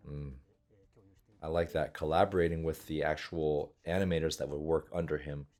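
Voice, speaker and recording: A man, an animator, giving relaxed, chatty reaction commentary on a desktop microphone and musing aloud. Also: a bass voice, moderate pace. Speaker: animator reacting to anime footage. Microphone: desktop USB microphone.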